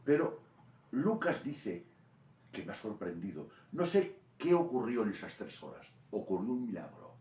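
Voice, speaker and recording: A man with a Spanish accent from Spain, preaching a sermon in an animated storytelling way. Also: fairly low pitch, normal speed. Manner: animated storytelling preaching, rising to loud peaks. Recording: roomy echo from a distant mic.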